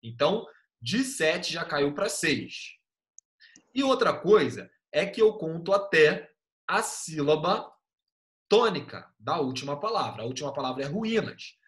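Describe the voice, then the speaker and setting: A man's voice: a little high, sing-song, a little slow, a bit bright. A young male teacher giving an online class over a computer mic, explaining step by step in a patient, casual way with easygoing slang.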